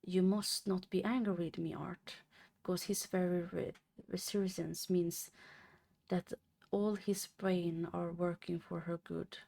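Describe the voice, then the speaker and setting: Slow, gravelly woman reading aloud. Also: on the low side, level tone, warm tone. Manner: halting reading, stumbles and restarts on words. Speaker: streamer reading a novel aloud. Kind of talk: live-stream reading aloud of a classic novel.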